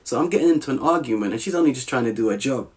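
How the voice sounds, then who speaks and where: A man from Southeast London, with a South London accent, tells a personal story as a podcast guest in a lively, casual way, often checking that the listener is still with him. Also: medium pitch, rapid-fire. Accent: South London English. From Southeast London, England. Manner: animated, checks in often with "you with me?".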